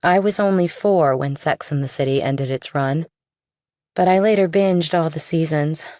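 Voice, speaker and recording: Here a woman voices the guarded, worldly young girlfriend of a wealthy older man in audiobook dialogue. Her low, somewhat mellow voice moves at a moderate pace and sounds natural, captured dry with clean studio quality. She comes across breezy, pointed, casual and direct.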